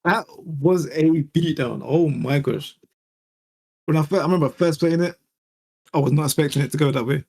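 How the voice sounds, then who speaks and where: A young man co-hosting a podcast, his voice pitched a little above most men's. He talks in loose, casual chat, laughs often and drops into quoted voices while he paints a scene. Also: moderate pace, vocal fry, darkish tone, breathy edge. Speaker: podcast co-host.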